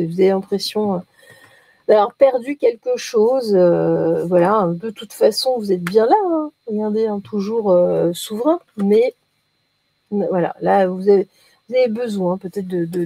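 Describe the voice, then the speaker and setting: A woman's voice: medium pitch, gravelly, warm tone, husky. A woman giving a casual daily oracle card reading, chatty and playful, often hesitating as she talks.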